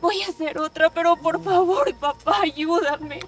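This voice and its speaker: A woman's voice: very high voice, measured pace, recorded from a distance, faint music behind. A woman playing a desperate pleading daughter. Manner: pleading, tearful. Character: desperate young daughter begging her father. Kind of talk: telenovela-style film acting.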